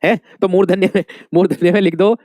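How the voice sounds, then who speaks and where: A man's voice: sits high, steady tone, fast talker, mellow, dry recording. A male Hindi teacher giving an exam-prep lesson, calling his students dear friends, asking questions and repeating the answers many times.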